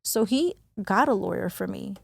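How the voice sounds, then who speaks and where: A woman from New York, a podcast guest talking quickly and candidly, full of "like" and "you know", acting out remembered lines. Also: mid-range voice, expressive, vocal fry, no room sound. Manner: rapid, full of "like" and "you know", re-enacts quotes. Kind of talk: candid conversational interview.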